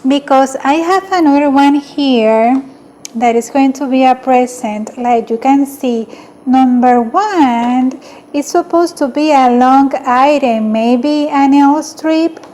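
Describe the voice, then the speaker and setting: A young woman hosting a beauty channel, calmly listing the items of an unboxing one by one. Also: sits high, slow. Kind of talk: unboxing vlog.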